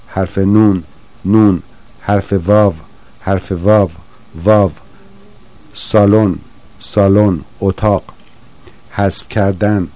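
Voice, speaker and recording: A man teaching vocabulary in a slow drill, saying each word twice and then giving its meaning. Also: fairly low pitch, mellow. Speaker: language teacher.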